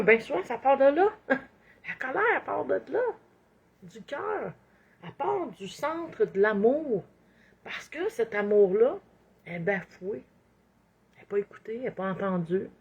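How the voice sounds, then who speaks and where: Husky Québécois woman giving life advice. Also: a little high, measured pace, pauses often. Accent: Québécois French. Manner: expressive, acts out inner thoughts, frequent "hein". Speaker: inspirational speaker. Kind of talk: casual motivational monologue.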